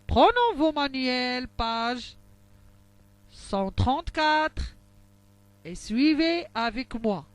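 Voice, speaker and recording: A woman teaching young children to read, speaking slowly and articulating each sound with care. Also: high voice, big pitch swings, no room sound. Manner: slow, carefully articulated, syllable by syllable. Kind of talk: slow phonics lesson for young children.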